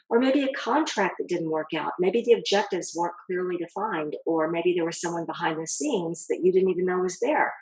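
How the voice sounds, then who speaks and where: A woman giving a calm motivational talk as a self-help speaker, coaching the listener directly and asking rhetorical questions. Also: mid-range voice, slightly rough, poor audio.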